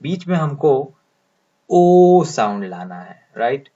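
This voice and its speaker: A man's voice: a little high, big pitch swings, warm tone. A man teaching English pronunciation, explaining step by step and drawing out each sound as he writes it. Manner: slow, deliberate, drawing out sounds as he writes symbols. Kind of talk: explaining lesson, speaking Hindi. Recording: dull lo-fi sound.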